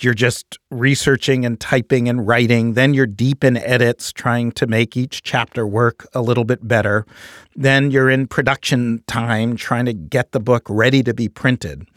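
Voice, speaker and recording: A man's voice: mid-range voice, fairly bright tone, no echo. Earnest New York man in a dry booth. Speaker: author. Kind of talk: reflective interview monologue. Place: studio audio booth.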